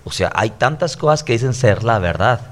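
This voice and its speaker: A man's voice: medium pitch, lively intonation, moderate pace, a little hiss or hum. A man in his thirties with a Mexican accent, a pastor who preaches conversationally on a podcast and repeats his points earnestly. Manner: earnest, preachy, stacked repetitions.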